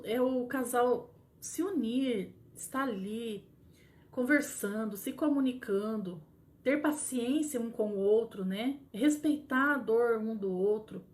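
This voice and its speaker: A middle-aged Brazilian woman with a Brazilian Portuguese accent, a grief counselor for mothers, talking gently and earnestly on a live stream, pausing and restarting often. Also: fairly high pitch.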